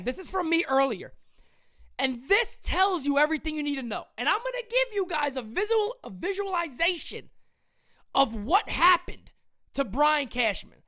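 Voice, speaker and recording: A very high-pitched man hosts a live-stream sports show, his strained voice swinging between muttering and yelling as he talks in a casual, excitable way.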